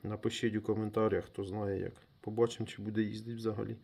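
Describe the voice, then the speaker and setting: A man's voice: lowish voice, flat delivery, quick pace, creaky, warm tone, a little hiss or hum. A man giving casual commentary on his own hands-on repair. He thinks aloud as he works, trails off and restarts, and talks to viewers as friends. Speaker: DIY mechanic vlogger.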